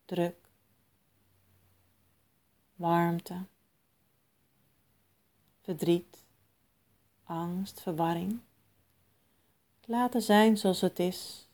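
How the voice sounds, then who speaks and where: A woman guiding a mindfulness meditation in a soft, calm, soothing manner with long pauses. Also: lowish voice. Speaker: meditation guide.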